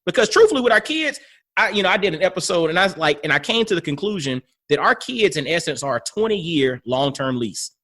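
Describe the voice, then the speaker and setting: A man hosting a podcast, with a somewhat high voice that rises and falls a lot. He sounds reflective and engaged, and he drops frequent murmurs of agreement. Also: big pitch swings, fairly quick, a bit bright. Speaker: podcast host. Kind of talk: casual conversation.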